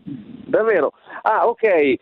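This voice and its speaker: A man phones in to a radio show over a tinny, narrow line. His voice is creaky and swings up and down a lot. He talks casually, in wordy, halting phrases. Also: high voice, wildly swooping pitch, no echo. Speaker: phone-in caller. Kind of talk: casual chat.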